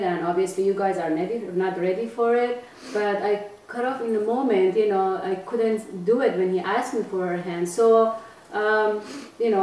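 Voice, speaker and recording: A woman's voice: mid-range voice, darkish tone. A middle-aged woman telling a family story in a chatty way, with many fillers and restarts. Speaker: interviewee, bride's mother. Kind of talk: casual storytelling. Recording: echoey room, mic far off, faint noise.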